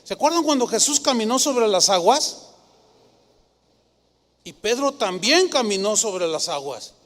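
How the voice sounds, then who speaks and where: Man, pastor preaching, high voice, storytelling with rhetorical questions, long reverb of a hall. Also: big pitch swings, unhurried, fairly bright tone. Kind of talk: sermon.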